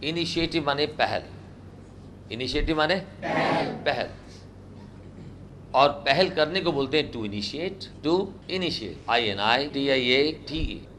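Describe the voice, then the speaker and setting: Man, English teacher, lively classroom lesson, quizzes students, audible room noise. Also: fairly high pitch, slow, pauses often. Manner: animated, asks the class questions and has them repeat words.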